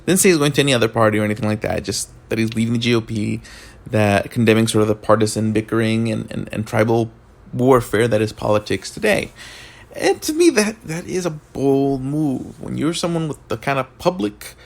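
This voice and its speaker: A man who sounds groggy from just waking up, giving casual, unscripted political commentary in a halting way with repeated words and pauses. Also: mid-range voice, creaky.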